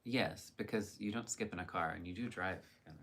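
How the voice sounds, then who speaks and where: Man, very low but bright-toned voice, deadpan co-host in easy chat. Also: a little fast. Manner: dry, deadpan quips. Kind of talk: casual chat.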